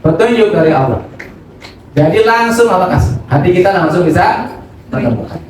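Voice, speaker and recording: A man giving a religious study sermon, lively and acting out examples, often asking his audience questions. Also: high-pitched, fairly quick. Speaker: Islamic preacher. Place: study gathering room. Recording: echoey room, distant mic, noisy.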